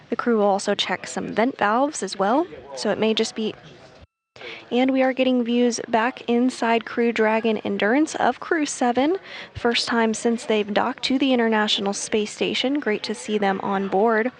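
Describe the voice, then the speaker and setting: Higher-pitched woman giving live commentary.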